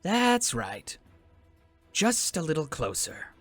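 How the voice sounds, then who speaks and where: A man's voice: on the high side, wildly swooping pitch, slow, a bit bright, faint music behind, exaggerated voice. A man voicing an unseen, eerie creature in a tabletop game, coaxing in short beckoning phrases from the darkness.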